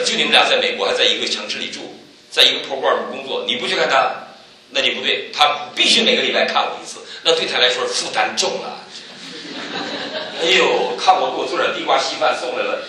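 A man giving a church testimony, telling stories with animated swings and loud exclaiming peaks. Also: a little high, very echoey, recorded from a distance, a little hiss or hum, poor audio. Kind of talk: sermon testimony.

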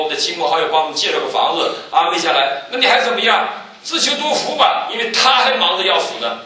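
A man giving a church testimony, telling stories with animated swings and loud exclaiming peaks. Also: a little high, heavy reverb, distant mic, poor audio. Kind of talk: sermon testimony.

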